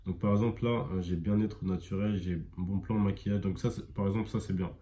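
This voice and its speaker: A man giving a casual screen-recorded software tutorial, rambling with many fillers and self-corrections. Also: low-pitched, fairly even intonation, a little fast. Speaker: e-commerce tutorial presenter.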